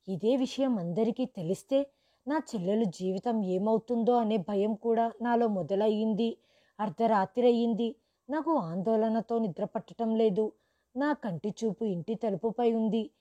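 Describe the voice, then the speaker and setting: A woman's voice: on the high side, dark tone. A woman reading a first-person story as scripted narration, dramatic, raising her voice for quoted lines.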